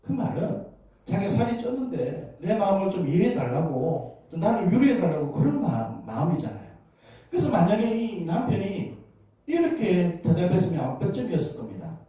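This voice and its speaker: A middle-aged male pastor preaches with humor, throwing questions out to his congregation. His voice sits high and swings widely in pitch, with a mellow, soft-edged tone. It comes from far off the mic in a very echoey church hall. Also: big pitch swings, brisk. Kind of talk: sermon. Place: church sanctuary.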